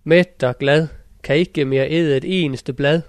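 A man's voice: on the high side, steady tone, no echo, close to an everyday voice. A man voicing a spiteful nanny goat in a fairy tale, reciting her lines as sing-song rhymes. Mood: rhyming, sly. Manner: sing-song rhyming verse. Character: sly, spiteful female goat who tells rhymes. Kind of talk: storybook narration.

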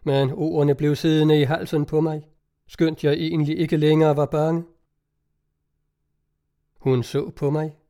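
A man reading a story aloud as narrator, in calm, measured scripted narration. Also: a little high. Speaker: audiobook narrator.

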